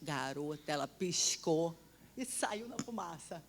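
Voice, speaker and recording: A woman telling a personal testimony in an animated, dramatic way, often dropping to a hushed voice. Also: sits low, slow pace, a little hiss or hum. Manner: animated, dramatic storytelling with sudden drops to a hush. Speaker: storyteller.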